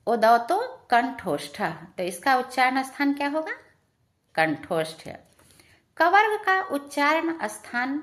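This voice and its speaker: Slow, high-voiced woman teaching. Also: a bit bright. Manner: patient, repeats questions and answers, often asks "है ना". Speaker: Sanskrit grammar teacher. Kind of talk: classroom lesson explaining to students.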